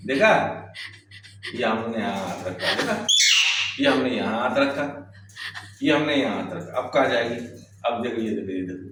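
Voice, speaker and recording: A man's voice: medium pitch, moderate pace, long pauses. A man vlogging casually, talking to viewers and coaxing and scolding his pet birds beside their cages. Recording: very echoey, distant from the mic, noisy.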